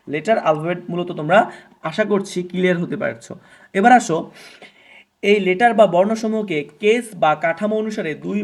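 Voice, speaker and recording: A young male teacher with a fairly high voice gives a beginners' grammar lesson. He asks his students questions and answers them himself, and he says sounds over slowly so they can repeat them. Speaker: English teacher.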